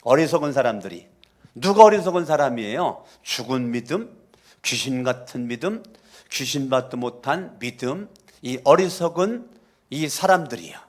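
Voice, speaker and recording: A man's voice: medium pitch, animated, normal speed. A male pastor preaching a sermon in an emphatic, scolding way, with many rhetorical questions.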